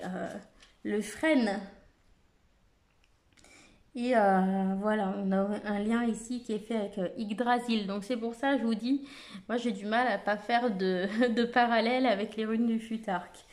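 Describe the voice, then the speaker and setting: Woman, fairly high voice, casual oracle-deck presenter, halting and unpolished, reads lists aloud. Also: darkish tone. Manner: reads keyword lists, many hesitations. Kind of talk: casual card deck walkthrough.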